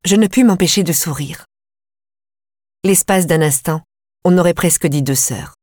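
A woman reads a first-person audiobook in a calm, measured way. Her voice sits low. The recording is close and dry, with no room sound. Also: dry recording. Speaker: audiobook narrator.

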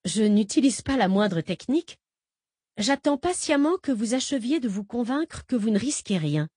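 A woman reading a calm, menacing fugitive agent. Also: fairly high pitch, moderate pace, breathy edge, no room sound, studio quality, voice pushed up. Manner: calm, patient, quietly menacing. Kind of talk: audiobook character reading.

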